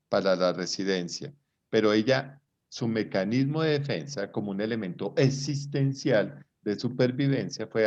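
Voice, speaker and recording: A man's voice: fairly low pitch, darkish tone. A man giving a live psychology class in a conversational way, often checking whether students follow. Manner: conversational, checks understanding with rhetorical questions. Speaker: psychology lecturer. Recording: dull lo-fi recording.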